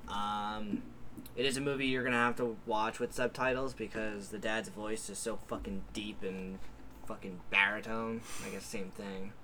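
A man's voice: fairly low pitch, fairly bright tone, slight background noise. Crude laid-back male podcast host. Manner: crude, laid-back, rambling with many ums. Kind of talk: casual chat.

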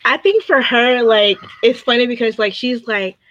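A woman chatting as an interview guest over a video call, quick to laugh and full of casual filler words. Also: on the high side, fairly bright tone, lo-fi sound. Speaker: interview guest, business owner.

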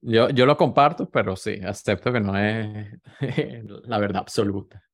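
A man who is a podcast guest, talking in a relaxed, joking way. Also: on the low side, unhurried, no room sound, studio quality. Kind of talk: casual interview chat. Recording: faint music in the background.

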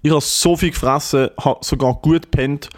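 A man's voice: fairly high pitch, fairly even intonation, moderate pace. Rowdy Swiss German man telling stories. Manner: rambling storyteller, swears a lot, keeps saying "Alter". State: ill and worn out. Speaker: podcast co-host. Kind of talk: casual comedic chat.

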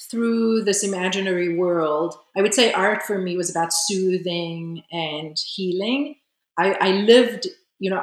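Low-voiced woman healer, earnest, roomy echo. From South Africa. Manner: earnest and reflective, with frequent "you know". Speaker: guest, spiritual healer. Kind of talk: personal storytelling in an interview.

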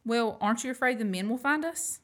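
A woman's voice: a little high, brisk, fairly bright tone, natural voice. A young woman acting an indignant, reluctant captive companion in a student radio play. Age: young adult. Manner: indignant, protesting.

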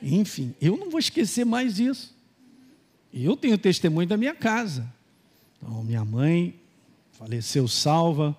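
A man's voice: fairly high pitch, darkish tone, breathy edge. A middle-aged man with a Brazilian Portuguese accent, giving a sermon and telling a personal story in a conversational way, with asides to the congregation. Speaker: pastor. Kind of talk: sermon testimony.

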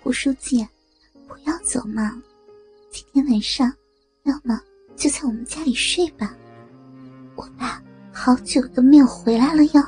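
A woman's voice: sits high, moderate pace, long pauses, darkish tone, soft background music, pitched above the performer's own voice. A woman voicing a young college-aged daughter, coaxing and concerned. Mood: coaxing, worried.

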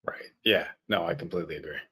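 A man's voice: low voice, quick pace, sharp tone, slightly rough. A young man from Haiti, an actor guest, chatting casually on a video call, easygoing and repeating his phrases. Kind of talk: casual interview chat.

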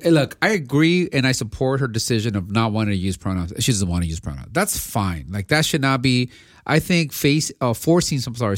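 A man's voice: medium pitch, no room sound, clean studio sound. A man co-hosting a podcast, giving his opinion in casual debate, often restarting and repeating words as he thinks aloud. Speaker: podcast co-host.

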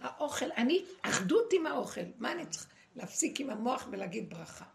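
Animated high-pitched woman preaching in an echoey room. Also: creaky. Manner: animated, preachy, dramatic pauses. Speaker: spiritual teacher. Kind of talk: spiritual talk to a group. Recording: echoey room, faint noise.

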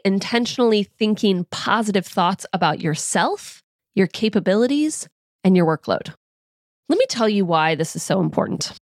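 A woman's voice: mid-range voice, no echo, studio quality. A woman hosting a motivational podcast, speaking directly and encouragingly to her listeners in a slightly tired, groggy morning voice. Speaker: podcast host and coach. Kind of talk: scripted motivational podcast monologue.

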